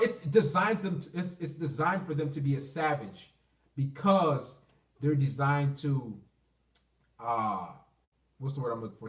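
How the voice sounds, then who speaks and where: High-voiced man ranting in an echoey room. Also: a bit bright. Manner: blunt, crude and repetitive, restarting phrases. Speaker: vlogger. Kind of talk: casual rant to camera. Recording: echoey room, voice far from the mic.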